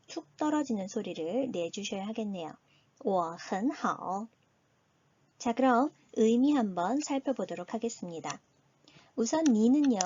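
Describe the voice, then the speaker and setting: A woman teacher giving a recorded Chinese lesson, patiently explaining and slowly modeling pronunciation. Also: mid-range voice, a little mellow, dull audio, a little hiss or hum.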